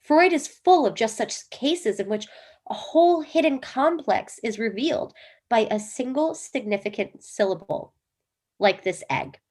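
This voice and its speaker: A woman's voice: a little high, lively intonation, unhurried, a little mellow. A woman reading the role of an earnest wife devoted to dream analysis, with an emphatic, theatrical delivery in a comic play reading. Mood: lecturing.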